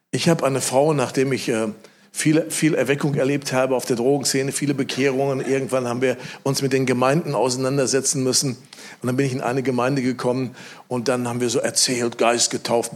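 A male preacher giving a lively sermon, telling stories and acting out the voices of the people in them, often repeating phrases for emphasis. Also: mid-range voice. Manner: animated storytelling, acts out quoted voices loudly; emphatic repetition.

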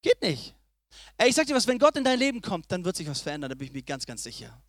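Young male preacher, very high voice, lively swings from loud to hushed, dry close sound. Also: quick pace, dry recording. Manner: lively, swings between loud emphasis and soft low asides. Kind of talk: sermon.

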